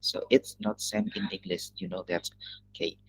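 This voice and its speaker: A man with an Indonesian accent teaching an English lesson in an online class, talking in halting phrases that he often restarts. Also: sits low, little pitch movement, breathy edge, no echo, rough recording.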